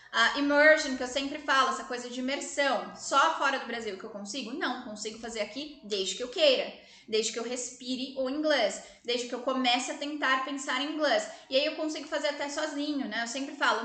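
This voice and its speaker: A Brazilian woman with a high, bright voice teaches parents in a chatty, conversational way, often pausing to check that they follow. Her voice rings out in an echoey room. It sounds like an online lesson recording. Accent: Brazilian Portuguese. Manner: chatty, keeps checking in with listeners.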